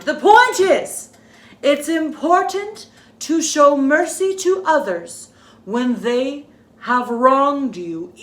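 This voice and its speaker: A woman puts on a vain, self-adoring movie star who drags out every word. The voice sits high and leaps all over with drama, and the words come slowly. It echoes around a roomy space. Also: fairly bright tone, heavily acted. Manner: grandiose, dramatic, fake-weepy and gushing. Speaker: children's lesson presenter in character.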